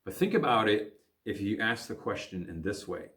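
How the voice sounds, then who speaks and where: A man's voice: fairly low pitch, lively intonation, normal speed, fairly bright tone. A man, a pastor from the American Midwest, teaching a recorded Bible lesson for teens, thinking aloud with frequent fillers and restarts.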